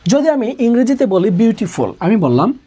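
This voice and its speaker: A man's voice: high voice, sing-song, normal speed, warm tone, husky. A male teacher giving a live online lecture, repeating questions and answers to drill the point, with frequent "ah" fillers. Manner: repetitive call-and-response questioning; uses filler "আহ" often.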